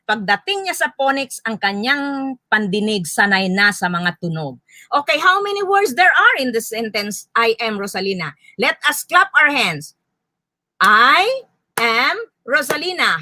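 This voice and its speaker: A woman's voice: on the high side, bright, forceful tone, no room sound. A Filipino woman leading a teacher training lesson, modeling reading drills aloud and correcting herself as she goes. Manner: demonstrative, claps and counts syllables aloud; self-correcting, brisk asides. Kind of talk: lecture mixing Filipino and English. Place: indoor training session.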